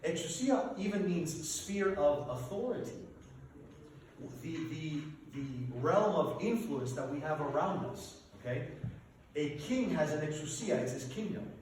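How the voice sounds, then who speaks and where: Man, priest, sermon, lively swooping pitch, emphatic rhetorical questions, far from the mic, very echoey church. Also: a little slow, slight background noise. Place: church sanctuary.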